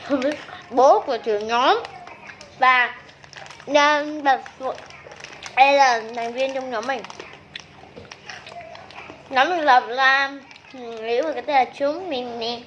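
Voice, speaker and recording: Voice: high voice, takes it slowly, long pauses, a bit bright. A youngster chatting casually as a member of a small video channel during a meal. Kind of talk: casual mukbang chat while eating. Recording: muffled lo-fi sound with background noise.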